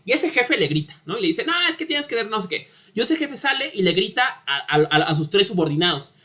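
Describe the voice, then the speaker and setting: A man's voice: sits high, a bit bright. A man with a Mexican accent giving an informal philosophy lecture, talking conversationally, often tagging questions and repeating words as he thinks. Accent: Mexican Spanish. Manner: conversational, frequent tag questions, stumbling repetitions.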